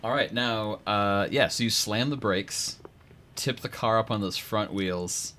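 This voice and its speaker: A man running a tabletop game as game master, halting and full of ums as he explains rules. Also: lowish voice, sharp tone.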